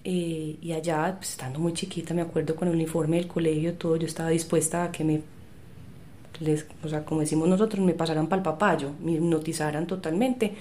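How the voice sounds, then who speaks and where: A woman's voice: low voice, steady tone, brisk, warm tone, a little hiss or hum. A woman, telling her story as an interview guest and acting out the dialogue she recalls. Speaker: medium, podcast guest.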